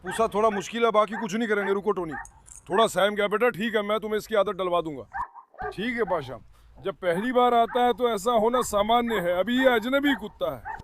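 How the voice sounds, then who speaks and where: A man's voice: high-pitched, a little fast, background noise. A man talking casually to his dogs and viewers on his farm, coaxing and scolding them and calling them son.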